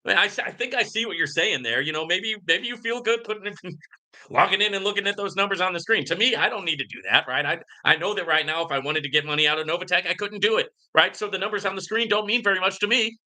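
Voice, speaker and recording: The host of a live Q&A stream delivers ranting commentary in an emphatic, preachy way, regularly adding "right?" and "man." His voice sits high with a sharp tone, and he talks at a quick pace.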